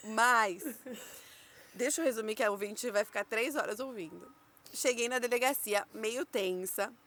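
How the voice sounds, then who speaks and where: A woman's voice: a little high, normal speed. A woman with a Brazilian Portuguese accent, hosting a casual podcast and animatedly telling a story, acting out the lines of the people in it. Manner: animated storyteller, acts out quotes, laughs often.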